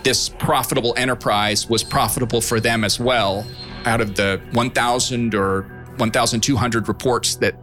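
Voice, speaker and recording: Man, bright forceful tone, medium pitch, conversational expert interview, soft music behind. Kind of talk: explanatory interview talk.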